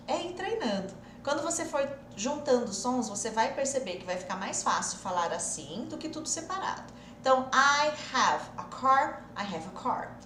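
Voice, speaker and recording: A woman's voice: a little high, echoey room, a little hiss or hum. A Brazilian woman teaching English in an online lesson, coaxing and explaining step by step. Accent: Brazilian Portuguese.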